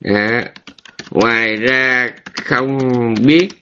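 Monk, muffled lo-fi audio. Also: male voice, mid-range voice, bright, forceful tone, a little hiss or hum. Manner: drawn-out phrases with many hesitant fillers; rhetorical questions to listeners. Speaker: Buddhist monk teacher. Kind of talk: Buddhist dharma talk. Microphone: online room.

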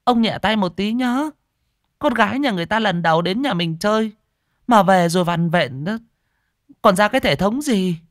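Give me a man playing a pleading middle-aged mother, high and dry. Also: moderate pace, no echo, natural voice.

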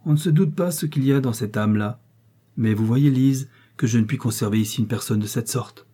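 A man's voice: mid-range voice, fairly quick, warm tone, husky, close to an everyday voice. A man playing a cold, commanding aristocratic prince who speaks curtly and with authority in an audiobook.

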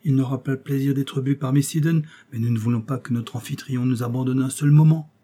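A firm, commanding detective, as a man reads him, speaking with calm authority in a dark, husky voice. He issues orders steadily in a storybook reading. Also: mid-range voice, a little fast, lightly acted. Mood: coaxing firm.

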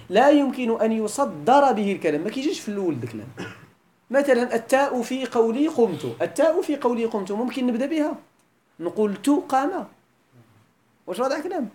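Animated Moroccan woman teaching grammar. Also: fairly high pitch. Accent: Moroccan Arabic. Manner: quizzes the class with frequent questions. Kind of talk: classroom grammar lesson.

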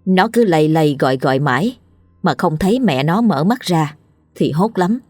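A woman storyteller narrating a scripted ghost story in a steady, grave way. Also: low voice, moderate pace, dry recording, studio quality, faint music behind.

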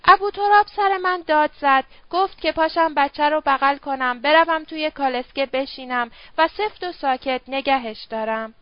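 A woman's voice: sits high, hardly any pauses, no room sound, close to an everyday voice. A woman reading the part of a young servant girl confessing, in colloquial, rueful speech. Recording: dull dry lo-fi audio.

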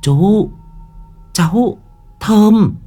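A man voicing a young village woman who speaks in a high falsetto. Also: extremely slow, mellow, heavily acted. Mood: pleading laugh. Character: young village woman, half laughing, reassuring.

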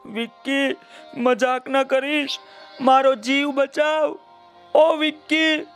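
Man voicing a high pleading vulture. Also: level tone, slow, a bit bright, faint music behind, heavily acted. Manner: pleading, crying out. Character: boastful male vulture, desperate.

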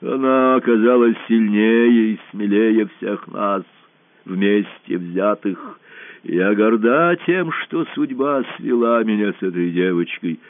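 A man voicing a proud, wrathful empress who speaks slowly and solemnly. The sound is dry and tinny, like a phone line. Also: lowish voice, no room sound. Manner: slow, solemn, commanding.

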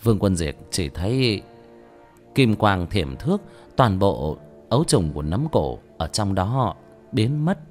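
A man narrating a fantasy novel as an audiobook, in steady storytelling that rises on action. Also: deep voice, unhurried, soft background music.

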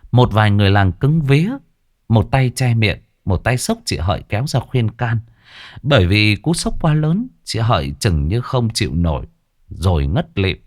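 Dramatic low-voiced horror storyteller man. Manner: dramatic, expressive.

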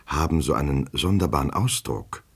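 A man's voice: a bass voice, animated, normal speed, gravelly, husky, full character voice. A man voicing a concerned, patient older office chief who coaxes with questions. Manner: gently coaxing, asks questions.

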